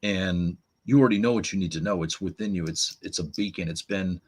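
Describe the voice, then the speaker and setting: A man as a guest on an interview show, telling personal stories with animated, acted-out quotes. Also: low voice, fairly quick, slightly rough. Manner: animated storyteller, acts out quotes in raised voice. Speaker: podcast guest. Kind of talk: storytelling conversation.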